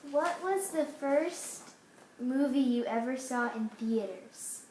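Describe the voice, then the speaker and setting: A woman's voice: high voice, expressive, takes it slowly, mellow. A young woman interviewing her grandmother, asking questions hesitantly with fillers. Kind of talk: casual family interview. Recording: echoey room, faint noise.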